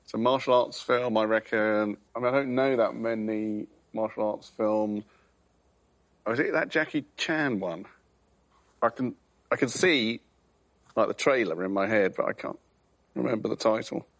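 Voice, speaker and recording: A man on a quiz show rambles and apologises as he searches for an answer. His voice is low with a gravelly edge. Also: normal speed, pauses often. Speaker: quiz contestant.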